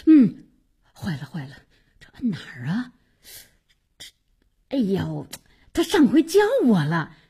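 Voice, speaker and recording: A woman's voice: medium pitch, big pitch swings, a little slow, long pauses, mellow, breathy edge, exaggerated voice. An actress playing a flustered old grandmother with a Beijing accent who stammers and keeps exclaiming. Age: older. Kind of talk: radio comedy acting.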